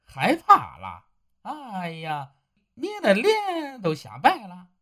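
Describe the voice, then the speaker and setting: A woman voicing a stern middle-aged police chief who speaks slowly and gravely. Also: mid-range voice, wildly swooping pitch, a bit bright, pitched above the performer's own voice, heavily acted. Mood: probing.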